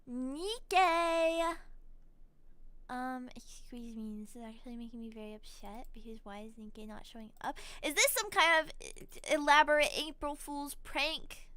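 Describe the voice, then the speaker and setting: High, bright, excitable woman streamer. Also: unhurried, clear, resonant tone, dry recording. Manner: excitable, rambling, giggly. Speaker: VTuber streamer. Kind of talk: casual live-stream chat while gaming.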